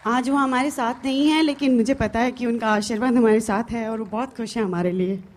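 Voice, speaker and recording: A middle-aged woman speaks earnestly to an audience, her voice sitting a little high. She shares a personal success story, pausing often and filling gaps as she goes. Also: fairly even intonation, a little mellow. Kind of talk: motivational stage talk.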